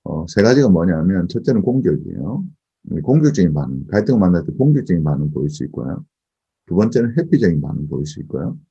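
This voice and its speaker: A male lecturer giving a class, asking the audience rhetorical questions and often affirming with a quick "yes". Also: deep voice, mellow, husky, muffled recording. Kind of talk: recorded lecture.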